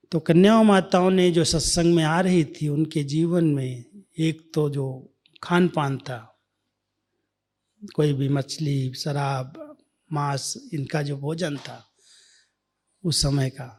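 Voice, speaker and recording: Man, spiritual speaker, slow and measured, slightly high voice, hushed asides. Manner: slow, measured, drops to soft near-whispers. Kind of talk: devotional storytelling talk.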